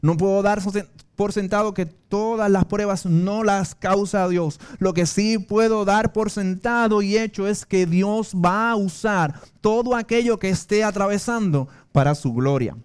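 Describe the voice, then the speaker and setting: High-voiced Puerto Rican pastor preaching. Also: male voice, a little slow, clean tone. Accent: Puerto Rican Spanish. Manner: earnest preaching that mixes in personal stories. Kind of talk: sermon.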